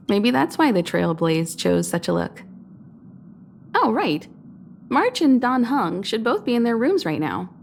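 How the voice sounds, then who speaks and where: A woman voicing a poised, mature game character with a gentle, composed, motherly manner. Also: medium pitch, vocal fry, slight background noise.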